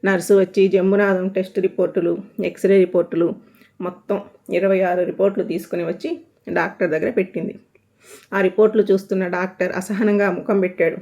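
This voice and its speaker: A woman storyteller reading a comic short story aloud in a steady, expressive way. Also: mid-range voice, a little fast, highs cut off.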